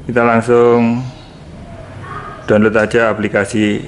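A man gives a casual, hands-on product demonstration, repeating short phrases as he works. His medium-pitched voice is monotone and slow, with noticeable background noise.

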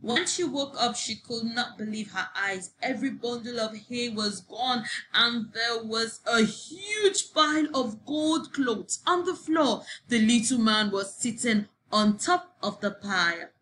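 A woman reading a children's story aloud, slow and expressive, as a storyteller. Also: fairly high pitch, a little hiss or hum. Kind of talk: bilingual storybook read-aloud.

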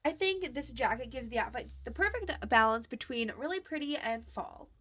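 A young woman with a cold narrates her dolls' outfits in a scripted, chatty and upbeat voice-over for her doll collector vlog. Her voice is on the high side and husky with a sharp tone, lively intonation, and normal speed.

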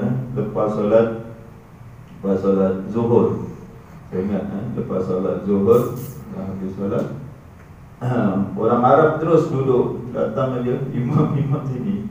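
A man giving a religious lecture, telling anecdotes in a lively way with frequent chuckles and asides to the audience. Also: mid-range voice, a little hiss or hum. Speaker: religious teacher. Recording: echoey, distant, dull room recording.

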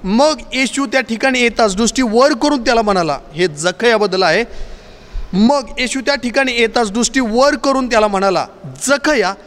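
A man's voice: extremely high pitch, moderate pace, a bit bright. A man preaching a sermon in a church, using repeated, emphatic pleading refrains. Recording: long church reverb.

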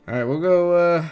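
A man's voice: high-pitched, darkish tone, smooth, muffled recording. A man giving casual live-stream commentary while playing a game, swearing freely. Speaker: gaming streamer.

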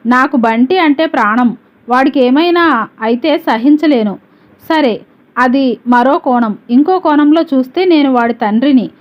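A woman's voice: sits high, measured pace. A woman reading the part of a tearful frightened father. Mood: anguished. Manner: trembling, tearful pleading. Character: grief-stricken man, frightened father. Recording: dull lo-fi recording.

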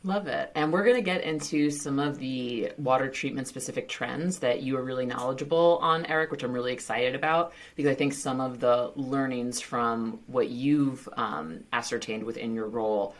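Very low-voiced bubbly woman host. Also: moderate pace, few pauses. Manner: bubbly, jokey, laughs at her own slips. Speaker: podcast host. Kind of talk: casual interview chat.

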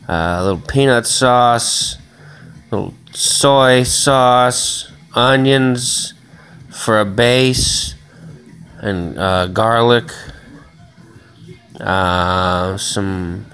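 Filming himself on a handheld phone in a small room, a Chicago-area man swears a lot as he rambles casually through a home vlog. He has a slightly bright voice on the low side.

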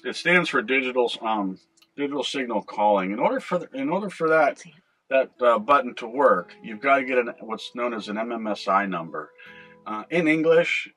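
Standing at the helm inside a small boat's cabin, a middle-aged North American host gives a casual instructional explanation for his video. He has a medium-pitched, slightly bright voice with a breathy edge, and the audio quality is poor.

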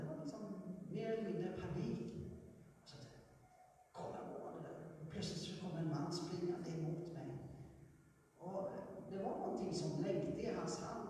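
A man preaching a lively sermon, telling stories and building to fervent proclamation. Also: high-pitched, far from the mic, a little hiss or hum. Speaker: pastor. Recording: echoey hall, voice from afar.

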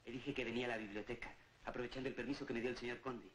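An actor playing an earnest doctor, formal and urgent, in an old gothic horror film. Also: male voice, medium pitch, fairly even intonation, rapid-fire, fairly bright tone, natural voice. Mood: impatient, secretive. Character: earnest, reassuring doctor investigating a vampire count. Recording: echoey, noisy old film soundtrack.

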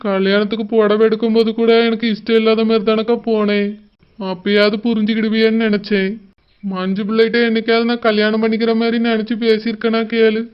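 A man's voice: high-pitched, completely flat delivery, a little fast, clean tone, lo-fi sound, close to an everyday voice. A man playing a young village groom who apologizes and explains himself, with a Kanyakumari accent. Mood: pleading. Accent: Kanyakumari Tamil. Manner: pleading, apologetic.

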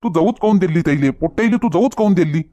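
A man's voice: sits high, lively intonation, fast, warm tone. A man acting in a village comedy skit, talking in a bossy, grumbling way. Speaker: comedy sketch actor.

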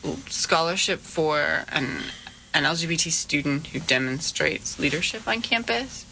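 Bright-voiced articulate young man. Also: a little high, measured pace, creaky, slight background noise, rough recording. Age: young adult. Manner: articulate, thoughtful explaining. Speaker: student club guest. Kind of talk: casual radio interview. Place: campus radio studio.

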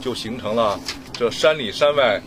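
A man's voice: mid-range voice, moderate pace, noisy background, lightly acted. A man playing a patient father explaining sights to his young daughter in a teaching drama.

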